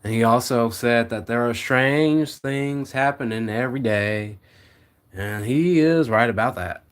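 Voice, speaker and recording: A man casually hosting a live reaction stream, relaxed and chatting with viewers. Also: medium pitch, measured pace, smooth. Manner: laid-back, thanks chat viewers by name. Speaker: livestream host.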